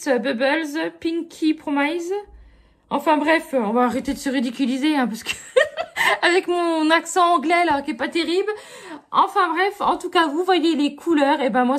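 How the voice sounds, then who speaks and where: A middle-aged woman chatting casually through a haul review, full of fillers and asides to her viewers. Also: high-pitched. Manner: chatty, many fillers like euh and franchement. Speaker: beauty vlogger.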